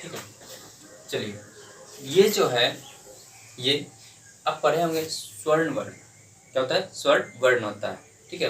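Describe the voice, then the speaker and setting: A male teacher leads a grammar lesson, asking the class questions and answering them himself. His voice sits a little high and sounds roomy, picked up from some distance, with faint ambient noise behind. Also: fairly bright tone. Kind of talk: classroom lesson explaining English grammar in Hindi. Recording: echoey room, mic at a distance.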